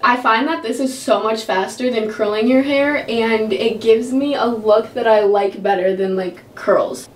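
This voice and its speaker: A woman's voice: a little high, a little slow, hardly any pauses. A young American woman with a slight lisp, chatting casually through a beauty tutorial to a camera indoors. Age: young adult. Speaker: beauty vlogger. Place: indoors in bedroom and bathroom. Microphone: camera a short distance away. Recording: echoey room, clear background noise.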